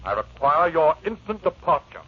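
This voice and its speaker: A man acting in a radio drama as a prim, indignant genteel husband, formal, husky and easily flustered. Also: on the high side, big pitch swings, normal speed. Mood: outraged. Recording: muffled vintage radio recording.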